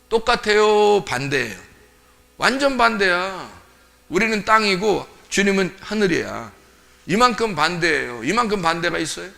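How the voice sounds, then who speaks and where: Joking, lively male pastor. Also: high-pitched, gravelly. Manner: colloquial, joking, laughs often; lively, animated delivery. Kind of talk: sermon.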